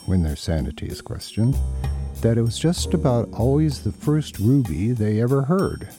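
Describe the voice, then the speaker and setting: A man's voice: medium pitch, big pitch swings, normal speed. A man narrating a scripted podcast as its host, in a wry, self-deprecating storytelling manner. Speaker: podcast host and series writer-producer. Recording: music behind the voice.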